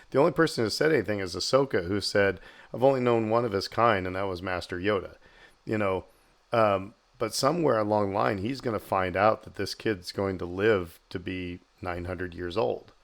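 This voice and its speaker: A man co-hosting a podcast in casual chat, animated and speculative, talking in bursts. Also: on the low side, creaky. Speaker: podcast co-host.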